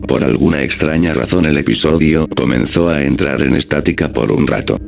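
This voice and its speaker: A man narrating a scripted horror story in a flat, steady storytelling manner. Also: extremely low pitch, a little fast, gravelly. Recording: music playing underneath.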